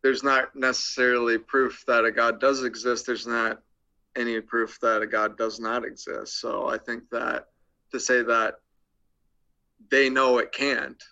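Slow, bright-voiced deadpan young man. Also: medium pitch, lo-fi sound. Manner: deadpan, crude jokes, hesitant with many ums. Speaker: podcast guest. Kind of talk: casual interview chat.

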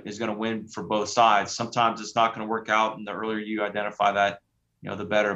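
A man's voice: lowish voice, pushed and bright, a little hiss or hum. A man answering conversationally as a guest in a podcast interview.

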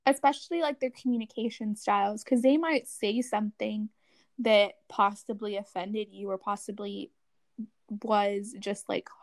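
A woman's voice: mid-range voice, normal speed, no echo. A young woman in casual chat, talking animatedly and filling her sentences with "like". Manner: chatty, lots of "like", animated.

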